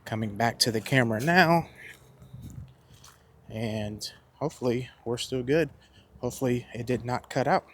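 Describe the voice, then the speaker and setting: A wedding videographer reviews a wireless mic in a casual vlog, talking outdoors near a road into a lapel mic while wind blows. Noise reduction thins his ordinary mid-pitched voice and pulls at the wind and traffic sounds. He speaks at normal speed with long pauses, rambling in a friendly, chatty way and often second-guessing and correcting his own terms.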